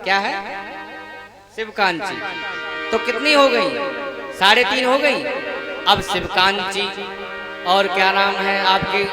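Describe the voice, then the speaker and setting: A man's voice: sits high, fairly even intonation, slow, pauses often. A man telling a devotional scripture story live, asking the audience questions and chanting verses in between. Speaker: Bhagavata storyteller. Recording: loud music under a live talk.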